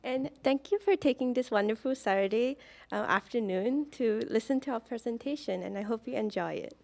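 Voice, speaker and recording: A woman's voice: a little high, expressive, brisk, vocal fry, a little mellow. A young woman from Malaysia, a student giving a case competition presentation, upbeat and hesitant with fillers. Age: young adult.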